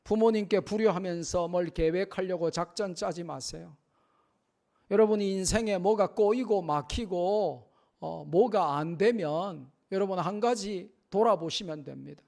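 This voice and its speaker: A man's voice: sits high, unhurried, vocal fry, darkish tone. A middle-aged man preaching a revival sermon in a church, emphatic, often acting out short dialogues with children. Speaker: pastor. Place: church sanctuary.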